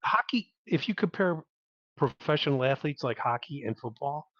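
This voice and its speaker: A man's voice: fairly high pitch, lively intonation, normal speed, no echo. A middle-aged man calling in over a clipped phone line, talking casually and rambling through his thoughts with restarts. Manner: rambling, thinks aloud with restarts. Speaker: caller. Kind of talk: casual call-in chat.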